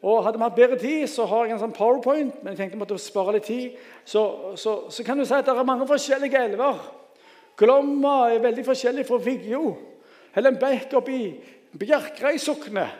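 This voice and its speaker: A man giving a lively sermon in a church, joking with the congregation and calling out for amens. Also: extremely high pitch, in a large hall. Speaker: guest preacher.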